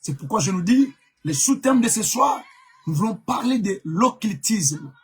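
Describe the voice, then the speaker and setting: A man's voice: high voice, big pitch swings, unhurried, breathy edge, soft background music. A man from Congo preaching a live-streamed sermon as an evangelist, emphatic, repeating key words, with many fillers.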